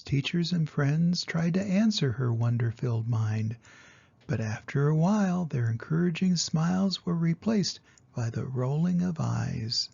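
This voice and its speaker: A grandfather, an older man with a husky, gravelly, mid-range voice, reads a children's storybook and gently explains it to young listeners. The audio has its highs cut off.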